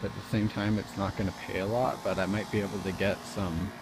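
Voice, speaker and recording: A man talking casually and reflectively in a low-key way, as a vlogger walking outdoors at night. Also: flat delivery, fast talker. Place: outdoors on a residential street at night. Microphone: handheld camera or phone mic while walking. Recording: faint outdoor ambient noise, handheld camera.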